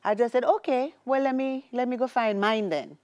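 A woman, a guest telling her life story in casual chat, animated and laughing often. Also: a little high, moderate pace.

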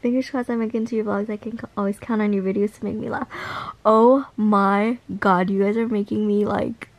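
A woman's voice: medium pitch, fairly even intonation, fairly quick, dry recording. A tired young woman chatting casually in a vlog, gushing affectionately over fan messages. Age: young adult. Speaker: vlogger reading fan messages.

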